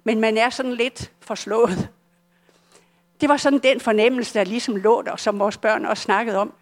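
A woman's voice: a little high, fairly even intonation. Older Danish woman giving testimony. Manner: earnest, halting storytelling with repeated restarts. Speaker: church testimony speaker. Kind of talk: personal testimony in a church service.

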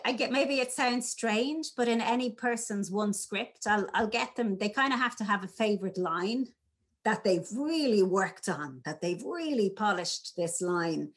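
A woman drama teacher chats in an interview, animated and playful. Her voice sits at an ordinary pitch for a woman. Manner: animated, demonstrates lines in varied voices. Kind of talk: conversational interview.

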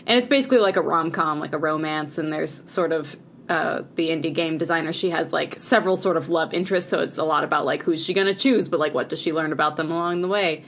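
A woman from chats eagerly on a podcast, sprinkling 'like' through every sentence. Her voice sits a little low for a woman. A faint noise runs under the recording. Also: quick pace. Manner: chatty and enthusiastic, heavy use of 'like'. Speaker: podcast co-host. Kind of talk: casual podcast chat.

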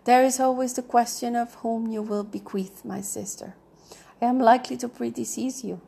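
Firm, worldly older aunt, husky and gravelly, voiced by a woman reader. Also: on the high side, steady tone, mellow. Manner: firm and brisk.

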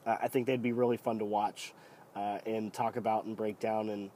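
Man, deep cold-affected voice, hesitant casual sports commentary, opinionated, rambling, faint background noise. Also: little pitch movement, normal speed, dark tone. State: sick with a cold. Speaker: sports podcast host. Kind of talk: casual solo NFL commentary.

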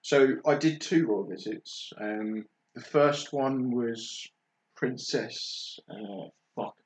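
A young man tells a story as a guest on a podcast. He hesitates often, filling gaps with ums and uhs. His pitch sits right in the middle. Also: slow pace, low-quality recording. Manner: hesitant storytelling with many fillers. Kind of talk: casual chat.

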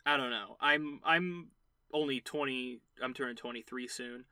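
Casual guy in his twenties, laid-back jokey podcast talk, sharp bright voice. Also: mid-range voice, normal speed, clear, resonant tone, no echo. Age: 20s. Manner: laid-back, joking, loose phrasing with fillers. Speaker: podcast co-host. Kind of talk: casual chat.

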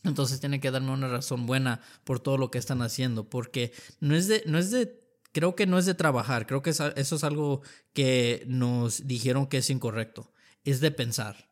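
Middle-aged guy on a podcast, mixes in english words, chill mid-pitched voice. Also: normal speed. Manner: mixes English fillers into Spanish. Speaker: guest, entrepreneur. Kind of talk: casual podcast chat.

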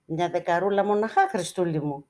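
A woman's voice: fairly low pitch, a little mellow, close to an everyday voice. A woman voicing a poor village man who coaxes and pleads for coins before church icons. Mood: wheedling. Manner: pleading, coaxing with endearments.

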